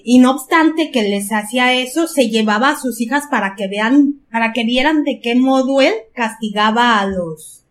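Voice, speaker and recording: An older woman with a Mexican accent, telling a story at an unhurried pace in a casual podcast chat and repeating words for emphasis. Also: a little high, a bit bright, slight background noise.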